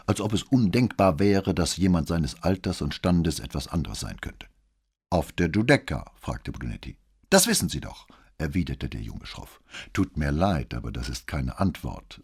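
A man narrating an audiobook in a scripted, expressive reading. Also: sits low, breathy edge.

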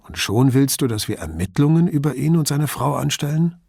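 A man reading an audiobook, voicing a gruff, skeptical male police inspector who grumbles slowly and doubts. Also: mid-range voice, lively intonation, a little mellow, dry recording, clean studio sound, voice pushed up.

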